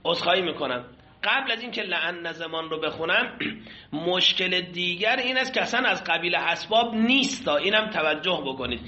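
A man's voice: sits high, animated, pushed and bright. A man teaching a seminary class on Islamic law, explaining a classical text and putting questions to his students. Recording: echoey room, dull lo-fi sound.

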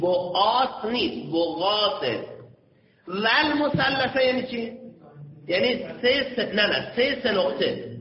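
A man with a high voice gives a seminary-style classroom lecture, reading out short Arabic passages slowly and then explaining them. He keeps asking his students whether they follow. The sound is dull and lo-fi, with a long echo from a large hall. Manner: checks understanding with frequent questions to students. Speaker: seminary teacher.

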